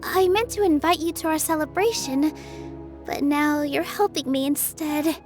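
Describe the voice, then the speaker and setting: An actress voicing Nilou, a kind young dancer who speaks politely and apologizes often. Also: female voice, sits high, moderate pace, close to an everyday voice. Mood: apologetic. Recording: game audio with music.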